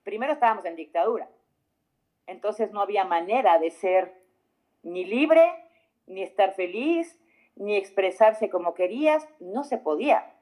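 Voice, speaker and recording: A woman recalls the past slowly and in a measured way. Her voice stays at a middle pitch. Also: animated, a little mellow, low-quality recording. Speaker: interviewee. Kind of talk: reflective testimony.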